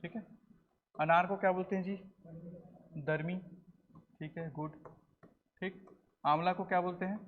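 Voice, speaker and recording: A man's voice: sits high, steady tone, unhurried, pauses often. Man teaching a class. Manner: quizzes the class, repeats answers, says "ठीक है" often. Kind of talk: classroom lecture. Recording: roomy classroom recording, dull and slightly noisy.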